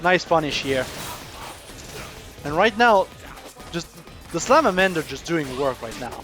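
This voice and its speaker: A man co-casting a live esports match, soft-spoken and hesitant, with many fillers. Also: fairly high pitch, big pitch swings, a little slow, faint music behind. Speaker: esports caster.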